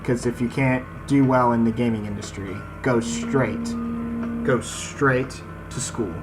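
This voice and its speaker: In a let's-play with poor audio, a gaming host reads a visual novel aloud, tripping over some words and speaking straight to viewers with casual asides. The mid-range voice keeps a fairly even intonation and an unhurried pace. The game's music plays behind the voice.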